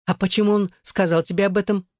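Passionate, jealous woman, pitched above the narration and pressing hard, as an audiobook reader plays her. Her lines come urgent and pleading. The recording is dry and close. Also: fairly even intonation, fast, darkish tone, no room sound, close to an everyday voice. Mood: tense, demanding.

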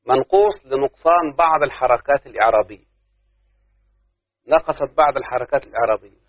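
A man's voice: medium pitch, fast talker, dry recording. A man with an Egyptian accent teaching a grammar lesson to a class, explaining step by step and putting questions to his students. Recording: tinny phone-like dry recording.

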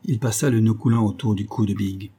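Male narrator, audiobook reading, dark warm tone, husky, measured. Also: on the low side.

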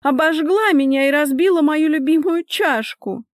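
A woman voicing a spiteful young wife who talks in a sharp, indignant tone. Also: high voice, moderate pace, dry recording, clean studio sound, voice pushed up, close to an everyday voice. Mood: shrill indignant.

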